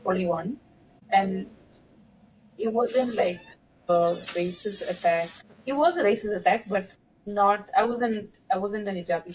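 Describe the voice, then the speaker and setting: A woman's voice: medium pitch, a little hiss or hum, low-quality recording. A woman in her thirties, a podcast guest from India, telling a story in casual conversation and laughing now and then.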